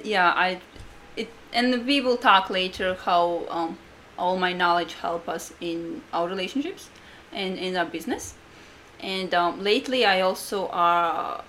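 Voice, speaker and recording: A Latvian-accented woman co-hosts a casual conversational podcast, her non-native English halting and repetitive in phrasing. Her voice is fairly low in pitch and a bit bright, with a slightly noisy room tone behind it.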